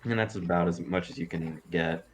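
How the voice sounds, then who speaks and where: A man narrating as game master in a casual, halting way with fillers. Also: deep voice, steady tone, a little hiss or hum.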